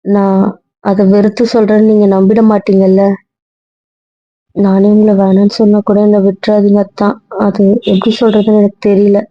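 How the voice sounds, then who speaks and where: A woman's voice: medium pitch, monotone, moderate pace, pauses often, dry recording, close to an everyday voice. A young woman playing an anxious, guilt-ridden young wife who pleads and apologizes over and over, in a Tamil audio drama role-play. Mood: fearful. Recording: dull lo-fi recording, dry.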